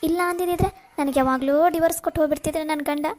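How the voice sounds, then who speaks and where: A woman's voice: high-pitched, fairly even intonation, fast, darkish tone, lightly acted. A woman voicing a sorrowful young wife in a cartoon, pleading and near tears. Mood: sad.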